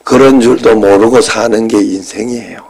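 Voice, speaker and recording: A pastor in his fifties preaching a sermon and telling a personal story in a conversational way. His voice jumps from loud bursts to quiet asides. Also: on the low side, normal speed, breathy edge, low-quality recording.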